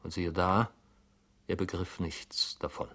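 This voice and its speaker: A man narrating a classic novel as an audiobook, measured and even. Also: sits low.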